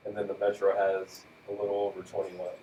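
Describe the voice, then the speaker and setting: A man's voice: sits low, fast, roomy sound, distant mic, slight background noise, poor audio. A man co-hosting a radio talk show, casually presenting facts with fillers and light chuckles. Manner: relaxed, fact-reciting with fillers and light chuckles.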